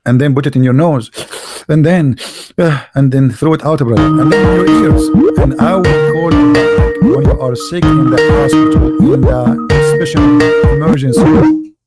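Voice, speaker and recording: Over loud music, a middle-aged man hosting a live religious debate podcast talks at a moderate pace with lively intonation and a voice on the high side. His tone is sarcastic and mocking, his English heavily accented and grammatically broken.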